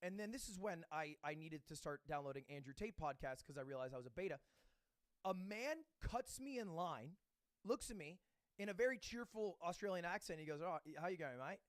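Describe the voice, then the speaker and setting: Animated male streamer telling a story. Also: on the high side, fairly quick, no room sound, clean studio sound. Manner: animated, self-mocking, acts out other people's voices. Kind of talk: casual storytelling to a stream chat. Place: home streaming setup.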